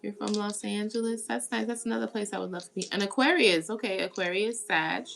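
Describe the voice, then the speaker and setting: A woman's voice: medium pitch, fairly even intonation, a little fast, gravelly, fairly bright tone. A woman from the United States hosting a tarot live stream, chatting casually and greeting viewers as she reads their comments. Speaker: tarot reader.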